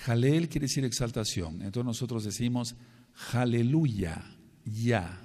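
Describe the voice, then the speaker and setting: A man's voice: mid-range voice, moderate pace, darkish tone, in a large hall. A man with a Mexican Spanish accent giving an earnest sermon-style Bible lesson, repeating and spelling out words to stress them. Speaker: congregation leader teaching.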